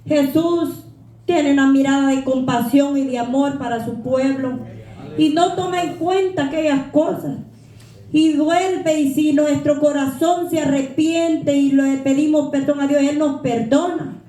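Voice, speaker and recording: A woman's voice: sits high, steady tone, a little slow, dark tone. Earnest woman preaching in an echoey church. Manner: humble, earnest, conversational preaching. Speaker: lay preacher. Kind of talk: sermon. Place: church sanctuary.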